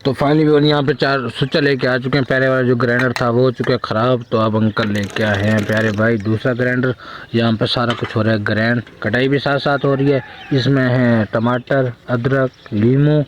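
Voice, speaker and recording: A man's voice: mid-range voice, steady tone, fairly quick, noisy background. A man with a Saraiki accent vlogging casually outdoors at a village function, talking straight to his viewers while he films on a handheld phone. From Pakistan. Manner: chatty, addresses viewers directly. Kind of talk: casual vlog narration.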